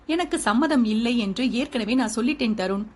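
A woman's voice: fairly high pitch, expressive, normal speed, a little mellow. A woman voicing a curt, defiant young woman. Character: stubborn, frightened young widow.

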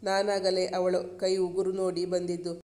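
A man reading the part of a caring young husband in a storybook, speaking softly and earnestly. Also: high-pitched, completely flat delivery, measured pace. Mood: tender, reassuring. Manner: soft, soothing and earnest. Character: caring protective young husband, gentle but firm.

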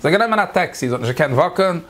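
High-voiced rabbi teaching Talmud. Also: male voice, animated, rapid-fire, fairly bright tone. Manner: explanatory, repeats phrases, asks rhetorical questions; mixes in English words. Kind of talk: Talmud lecture.

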